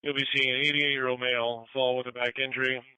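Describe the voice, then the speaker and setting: A man with a piercingly bright, clear voice dispatches fire units over a two-way radio. His delivery is clipped and procedural, with a very dry sound. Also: medium pitch, level tone, fast talker, no echo, poor audio.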